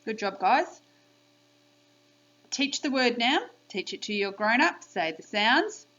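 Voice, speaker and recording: A woman teaching young children a spelling lesson on video, sounding out letters and sounds slowly and clearly. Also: on the high side, lively intonation, fairly bright tone. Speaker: primary school teacher. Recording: slightly dull lo-fi sound.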